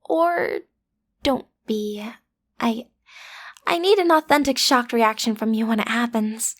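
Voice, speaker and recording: A fairly high-pitched woman takes it slowly as she voices a villain's teenage daughter in an audio roleplay. The character is cute and easily flustered, stammering earnestly in her attempt to come across as intimidating, which gives the scene an awkward, earnest feel.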